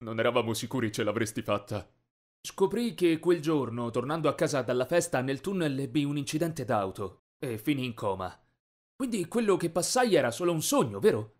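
Man, animated first-person story narrator, higher voice, lively dramatic swings. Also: moderate pace. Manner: expressive, dramatic.

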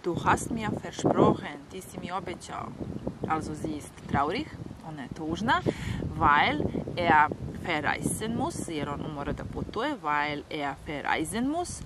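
A woman whose first language is Serbian, teaching a bilingual German lesson, repeating each phrase slowly and then translating it. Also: low voice, sing-song, heavy background noise.

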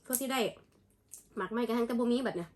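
A woman's voice: a little high, fast, a little mellow, a little hiss or hum. A woman with an Isan Thai accent chatting casually to viewers in a food vlog, often using polite, familiar particles. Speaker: food vlogger.

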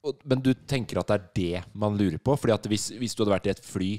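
A man's voice: on the low side, mellow, no echo, clean studio sound. A man co-hosting a podcast, teasing and asking questions in casual chat. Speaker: podcast co-host.

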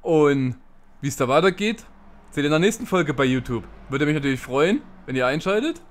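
A man playing a video game, chatting casually and quietly reading the subtitles aloud. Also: very animated, a little fast, a little hiss or hum. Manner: reads game subtitles aloud in a soft, low-key voice. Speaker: let's play gamer. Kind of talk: casual gameplay commentary. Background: game music.

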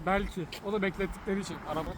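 A man's voice: high-pitched, fairly even intonation, very fast, crowd noise. A young man bantering wryly and casually for a vlog outdoors. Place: outdoors near vehicles. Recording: loud outdoor traffic noise.

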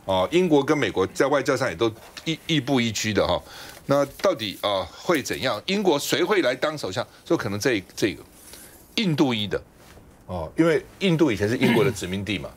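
A man's voice: medium pitch, very animated, a little fast. A man hosting a political talk show, chatty and explanatory, often tagging his sentences with a casual particle. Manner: chatty, explanatory, ends phrases with a tag particle. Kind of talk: political commentary chat.

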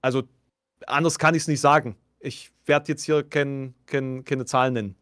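A man's voice: medium pitch, fairly even intonation, moderate pace, fairly bright tone, no echo, clean studio sound. A man talking as a guest in a casual live-stream chat, wry and self-deprecating, rambling with restarts.

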